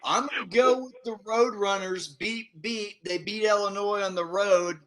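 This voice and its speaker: High bright-voiced guy on sports talk, confident, teases the others. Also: a little slow. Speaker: sports radio co-host. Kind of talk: casual sports talk, making picks.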